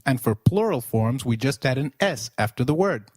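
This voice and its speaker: A man with a medium-pitched voice reads a beginner language lesson from a script, upbeat and encouraging, slowing down whenever he models a word for the listener. The recording is close and dry, with no room sound around it. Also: animated, darkish tone, no room sound. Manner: upbeat, slows down to model words. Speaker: language teacher.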